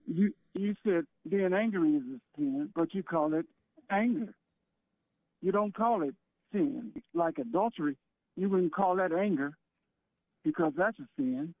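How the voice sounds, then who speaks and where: Guy calling a radio show from michigan, high voice, argumentative, keeps pushing and stumbling over words. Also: expressive. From Michigan, United States. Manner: combative, halting, insistent. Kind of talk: live argument as a call-in radio caller. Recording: narrow-band phone line over radio.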